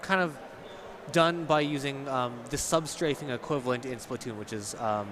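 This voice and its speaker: A man's voice: mid-range voice, normal speed, crowd noise. A man doing live esports commentary, chatty and explaining game mechanics with a laugh.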